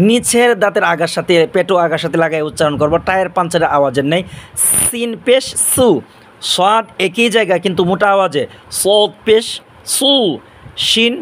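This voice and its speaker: A man with a high voice leads a pronunciation lesson. He drags out each drilled sound, then patiently explains where the tongue, lips and throat go, like a teacher repeating things for his class. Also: a bit bright. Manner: slow, drawn-out drilling of letter sounds. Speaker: Arabic teacher.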